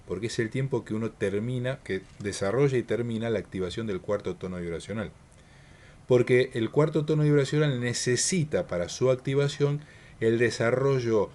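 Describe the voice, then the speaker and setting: A man leads a spiritual workshop in a somewhat low voice. He talks in a measured, patient way, circling back to restate his points and posing questions to his listeners. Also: a little mellow. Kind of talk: spoken workshop talk.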